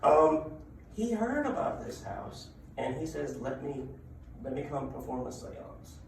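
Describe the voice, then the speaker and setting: Guy telling spooky local legends in a casual talk, kinda gravelly, picked up far from the mic in a boomy room. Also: big pitch swings, unhurried. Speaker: public speaker telling local ghost stories. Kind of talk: informal live storytelling talk on local legends. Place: indoor room at a library talk. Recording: echoey room from afar, background noise.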